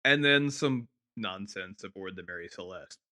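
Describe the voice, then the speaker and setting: Bright-voiced man giving wry opinions. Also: deep voice, animated, moderate pace. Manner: blunt, wry, laughing asides. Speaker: podcast co-host. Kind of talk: casual chat.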